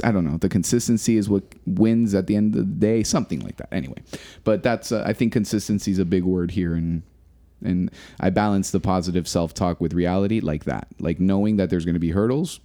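Deep, mellow, and brisk, the voice belongs to a middle-aged man co-hosting a laid-back podcast. He speaks with earnest, motivational energy and repeats phrases to make his points land.

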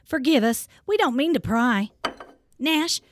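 A woman voicing a calm, polite female meadowlark who talks gently and composedly. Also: high-pitched, a little slow, slight background noise, pitched above the performer's own voice.

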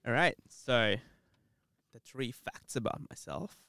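A man's voice: mid-range voice, slow pace, creaky, no echo, studio quality. A young man from Sri Lanka, a university student, chatting casually and rambling a little during a party game with friends. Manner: relaxed, rambling with fillers.

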